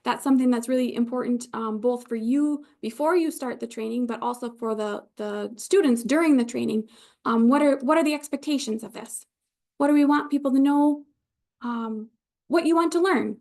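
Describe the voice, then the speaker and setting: Creaky, higher-voiced woman with a Yooper accent. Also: normal speed, darkish tone. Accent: Upper Michigan (Yooper). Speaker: trainer leading an online webinar. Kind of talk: informal instructional presentation. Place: live online video session.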